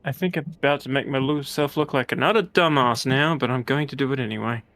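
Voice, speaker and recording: A man's voice: medium pitch, quick pace, fairly bright tone. A man in his thirties playing a tabletop game, rambling and poking fun at himself. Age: 30s. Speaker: player. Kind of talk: casual chat at a game table.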